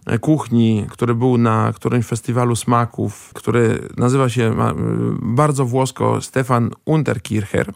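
A man chatting as a guest expert in a rambling way, often pausing with fillers and tagging questions onto his sentences. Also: medium pitch, fairly even intonation, gravelly, no room sound, studio quality. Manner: frequent hesitant fillers and restarts. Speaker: guest expert on Italian food. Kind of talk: casual chat.

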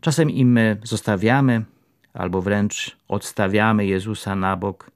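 A priest giving a short, reflective morning homily in a gently earnest way. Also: male voice, fairly low pitch. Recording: soft guitar music behind.

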